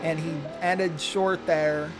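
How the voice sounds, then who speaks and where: Over music, a tractor pull announcer with a fairly high, steady voice introduces the drivers and reports runs and distances at a slow pace. Vehicle and engine noise is loud throughout.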